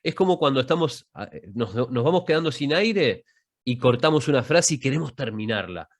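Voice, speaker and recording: This man speaks at a medium pitch with lively intonation and a moderate pace. He's running an online masterclass on public speaking via video call, covering breathing and showing vowel exercises aloud.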